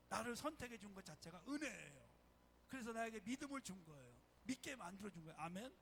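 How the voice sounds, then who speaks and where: A man's voice: high voice, fairly bright tone, slight background noise. A man preaching a sermon as pastor of a church, emphatic and often calling out to his congregation. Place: church sanctuary.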